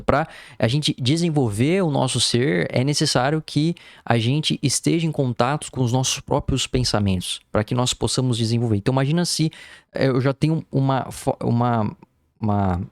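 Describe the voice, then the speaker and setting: A man's voice: mid-range voice, dry recording, clean studio sound. A man with a Brazilian Portuguese accent giving casual reaction commentary, hesitant, with many restarts and tag questions. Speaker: math and philosophy youtuber reacting to a video.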